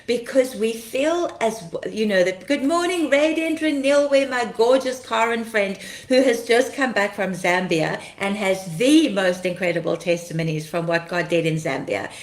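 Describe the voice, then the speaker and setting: Slightly croaky from illness, a woman hosts a casual ministry livestream, reading comments, laughing often and greeting viewers by name. Her voice is mid-range and the sound is roomy.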